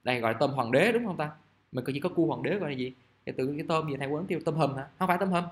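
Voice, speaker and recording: Man, English teacher, casual classroom explaining, slow example sentences. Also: a little high, expressive. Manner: chatty, reads example sentences slowly. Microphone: recording device at his desk.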